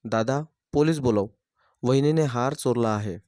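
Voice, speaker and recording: A man's voice: mid-range voice, measured pace, no echo, studio quality, lightly acted. A man doing a spiteful young sister-in-law. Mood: accusing. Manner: loud, accusing. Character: sharp-tongued young sister-in-law, accusing.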